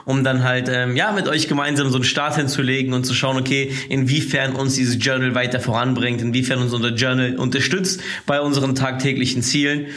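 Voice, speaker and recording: A young man hosts his own casual solo podcast, talking loosely in slang with lots of fillers and restarts, still coughing a little after a cold. His medium-pitched, slightly bright voice is flat and brisk, with few pauses.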